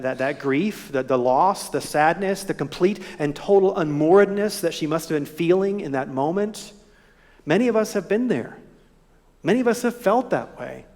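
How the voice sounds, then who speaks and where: A male pastor preaching a sermon in a church, expressive, at times dropping his voice almost to a whisper. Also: fairly high pitch. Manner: expressive preaching, drops to near whisper at moments. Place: church sanctuary. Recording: echoey church hall.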